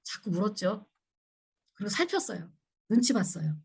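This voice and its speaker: A woman's voice: mid-range voice, big pitch swings, moderate pace, darkish tone, slightly rough. A middle-aged woman teaching a church women's seminar, acting out her own past pleas as quotes and putting questions to the listeners. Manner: asks the audience questions. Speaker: seminar speaker.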